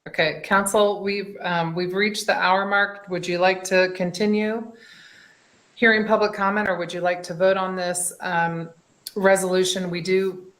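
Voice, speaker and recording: A woman's voice: on the low side, fairly bright tone. A woman mayor chairing a council meeting, procedural and a little hesitant.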